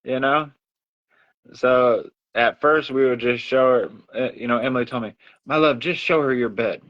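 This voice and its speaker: The host of a livestream talks casually in a mid-range voice at a moderate pace, telling talkative everyday stories and acting out others' comments. It's captured in dull, lo-fi audio.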